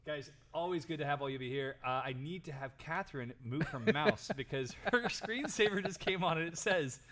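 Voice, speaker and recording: Animated, bright-voiced male podcast host. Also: on the high side, moderate pace. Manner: laughs often, playful, rambling. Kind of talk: casual chat. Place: lives in Florida.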